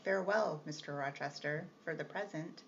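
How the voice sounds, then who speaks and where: A woman's voice: low voice, normal speed, gravelly, fairly bright tone. A woman reading the part of a composed young governess, polite but firm and restrained. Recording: slightly muffled with faint hiss.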